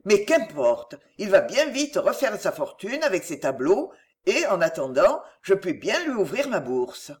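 A reader doing a calm, generous young gentleman. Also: medium pitch, a little slow. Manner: calm, tranquil.

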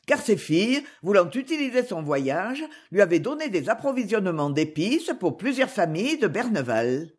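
A woman narrating a novel chapter as an audiobook reader, with measured, expressive storytelling. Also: mid-range voice, breathy edge. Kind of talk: scripted narration.

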